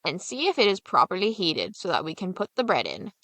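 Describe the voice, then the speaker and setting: A woman's voice: lowish voice, wildly swooping pitch, fairly quick, a bit bright, dry recording, heavily acted. A woman voicing a cruel, greedy old witch in a storybook reading, with a mocking, commanding manner.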